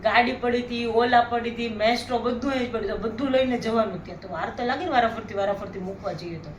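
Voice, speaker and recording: Woman, high voice, animated storyteller, roomy echo. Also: fast talker, slight background noise. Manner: animated storytelling, prone to laughing. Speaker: family vlogger. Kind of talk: casual chat.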